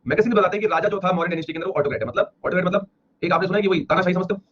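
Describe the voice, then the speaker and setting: Indian guy teaching history class super fast, repeats stuff a lot, kinda muffled lo-fi recording w faint room noise. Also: high-pitched, steady tone, a bit bright. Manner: rapid, repetitive explaining, slowing to read English lines aloud. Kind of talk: classroom lecture mixing Hindi and English.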